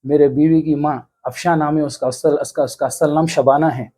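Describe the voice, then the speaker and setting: A man in his thirties with a Hyderabadi accent, giving an earnest, halting news interview. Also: a little high, steady tone, dark tone, slightly rough. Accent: Hyderabadi Hindi. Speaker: interviewee, complainant. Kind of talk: news interview, recounting an attack.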